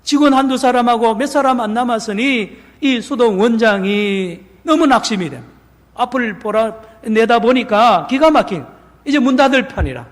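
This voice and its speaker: A male pastor preaching a sermon in a church, animated, acting out quotes and asking the congregation questions. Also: high-pitched. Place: large church sanctuary. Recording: long church reverb.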